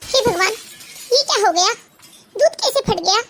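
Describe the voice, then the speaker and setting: A woman's voice: very high-pitched, expressive, moderate pace, fairly bright tone, a little hiss or hum. A woman voicing a meek young cartoon bride. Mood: tearful. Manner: timid, tearful. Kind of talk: Hindi cartoon voice acting.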